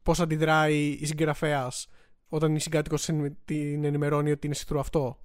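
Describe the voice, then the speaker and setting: Guy cohosting a podcast, a bit high-pitched, asks lots of questions, dry sound. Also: monotone, no echo. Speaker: podcast co-host. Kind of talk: casual podcast chat.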